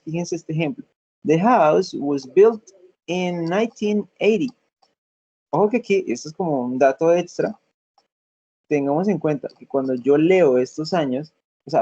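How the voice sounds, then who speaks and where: A male teacher walks through a lesson in a patient, step-by-step way, often pausing to check that his students follow. His voice sits a little high but sounds mellow and slightly husky. The recording is dull and lo-fi. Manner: patient step-by-step explaining, frequent check-ins. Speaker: English teacher. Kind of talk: classroom lesson.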